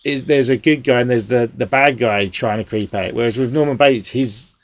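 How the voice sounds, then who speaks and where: A man's voice: mid-range voice, normal speed, dry recording, dull audio. A man hosting a podcast in casual chat, rambling with lots of fillers. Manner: rambling, fillers like "you know" and "um". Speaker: podcast host.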